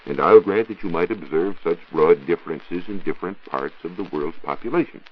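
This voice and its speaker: An American man plays a reporter in a scripted 1940s radio science talk, speaking in measured, didactic, rhetorical phrases. His voice sits low with a breathy edge, heard on a dull 1940s radio recording.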